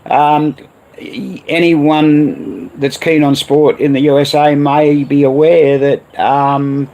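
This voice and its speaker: Speaking slowly in a slightly high but flat voice with a dark timbre, this Australian man rambles through a laid-back pinball repair livestream full of fillers. He reads out messages from viewers, and the audio quality is low.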